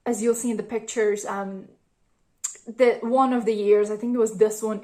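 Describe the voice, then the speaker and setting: A woman's voice: mid-range voice, darkish tone. Young woman from lithuania, candid, chatty, lots of fillers, casual home vlog. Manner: chatty and candid, many fillers like "you know" and "like". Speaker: vlogger. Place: home, a cat nearby.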